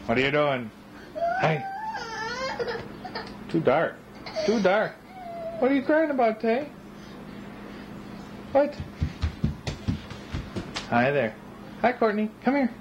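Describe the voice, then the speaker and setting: A man's voice: high voice, huge pitch swings, slow pace, pauses often. A man filming his family, asking a toddler playful, coaxing questions in casual chat, heard through a camcorder mic. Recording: muffled noisy 1990s camcorder audio.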